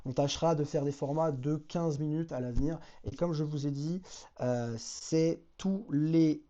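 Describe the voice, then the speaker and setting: A man's voice: on the high side, a little slow, dark tone, lo-fi sound. A man hosting a weekly market review, casually walking through charts, hesitant, with many fillers and self-corrections. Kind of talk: casual chart-walkthrough commentary.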